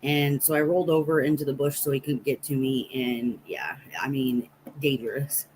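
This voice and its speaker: A woman from Nebraska hosts a livestream where she chats and tells meandering personal stories. Her voice rumbles low with a darkish tone, at normal speed. It's a rough recording with slight background noise.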